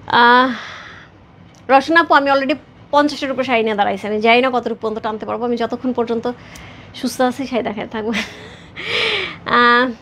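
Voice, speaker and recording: A woman in her thirties from Bangladesh, hosting a live-stream saree sale with quick, repetitive sales patter and chat with her viewers. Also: fairly high pitch.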